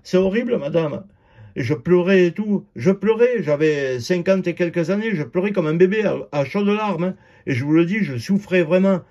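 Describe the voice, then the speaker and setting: A man's voice: high-pitched, expressive, moderate pace, a little mellow. A man in his fifties telling a personal story in an indignant, rambling monologue, repeating himself and swearing freely. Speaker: vlogger. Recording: dull lo-fi sound.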